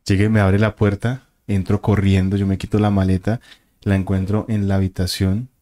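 A man's voice: sits low, level tone, moderate pace, mellow. A man, a guest telling a vivid story and acting out the voices and sounds in it. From Colombia. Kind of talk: casual storytelling of a paranormal experience.

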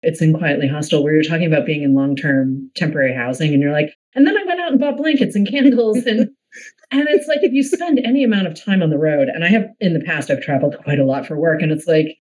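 A middle-aged woman from the Boston area hosts a casual podcast interview in a slightly low voice. She chats freely, laughs often and wanders into asides. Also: fast, a little mellow, poor audio. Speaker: podcast host.

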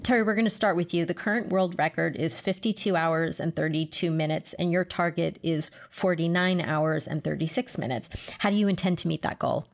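Low, creaky-voiced woman hosting a podcast. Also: a little fast, few pauses. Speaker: podcast host and interviewer. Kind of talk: scripted podcast narration and interviewing.

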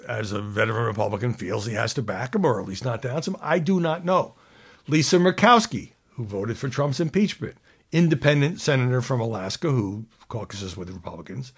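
Animated, husky male political commentator. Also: medium pitch. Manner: animated, sardonic asides. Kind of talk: commentary reading news quotes.

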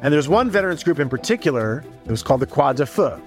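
A man's voice: fairly high pitch, very animated, fast talker. A man, a journalist and author, explaining history casually as an interview guest. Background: music.

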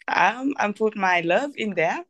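A woman's voice: medium pitch, animated, unhurried, fairly bright tone, dry recording. A woman from Thailand, a tattoo artist guest, giving short, hesitant answers in a casual interview. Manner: shy, brief hesitant answers.

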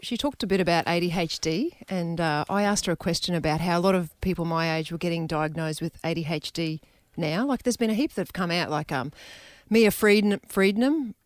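Chatty woman, lowish voice. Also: fairly quick, hardly any pauses, dry recording. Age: 40s. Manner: chatty, laughing, trails off and restarts. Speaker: radio co-host. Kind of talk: casual radio chat.

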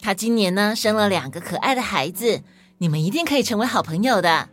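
A woman storyteller voicing a gentle, caring mother deer who patiently teaches her fawn. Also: medium pitch, lively intonation, fairly quick, faint music behind, close to an everyday voice. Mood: reassuring. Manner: patient, instructing.

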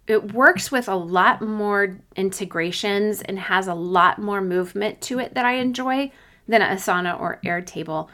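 A woman's voice: medium pitch, sharp tone. A woman hosting a solo coaching podcast, talking conversationally and giving informal, encouraging advice.

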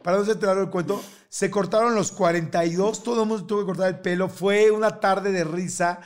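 Middle-aged man, Mexican accent, high voice, lively storyteller, laughs a lot. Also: fairly quick. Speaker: guest telling a story. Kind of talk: casual anecdote.

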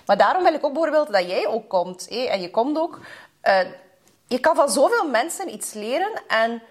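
A woman's voice: sits high, very animated, normal speed. A woman with a Flemish accent hosting a podcast in casual chat, chatty and slipping English phrases into her talk. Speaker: podcast host.

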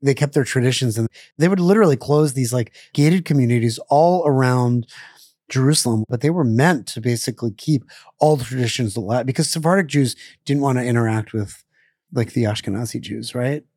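Here a middle-aged chef, Israeli-born and Pittsburgh-raised, talks briskly and informally in an interview, rambling and correcting himself with many fillers. The voice is medium in pitch and a little mellow, on a dry, clean studio recording.

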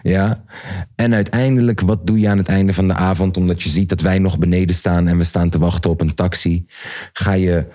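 A young man telling a party story to friends in casual chat, animated and slangy, acting out quotes and restarting his sentences. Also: sits low, brisk.

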